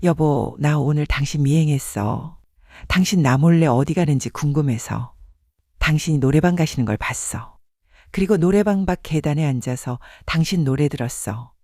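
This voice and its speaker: A man voicing a remorseful elderly husband around seventy, with plain, halting speech. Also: fairly high pitch, mellow, no echo, clean studio sound.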